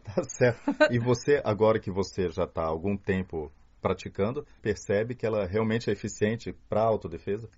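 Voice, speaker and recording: A man with a Brazilian accent hosting a relaxed interview, asking curious questions and echoing the answers back. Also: fairly low pitch, normal speed, hardly any pauses, slightly rough. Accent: Brazilian Portuguese. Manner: inquisitive, echoes answers back. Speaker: interview host. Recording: slightly dull, lo-fi interview recording.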